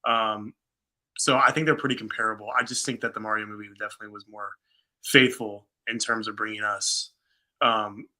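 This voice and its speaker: A man co-hosts a casual fan show about video games, here discussing films in an informal, conversational, noncommittal way. His voice is fairly low with fairly even intonation, a bit fast, and sounds pushed and bright.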